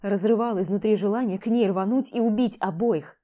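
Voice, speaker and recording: A woman's voice: mid-range voice, brisk, dark tone. A woman narrating a first-person novel aloud in an intense, emotional reading. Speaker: audiobook narrator.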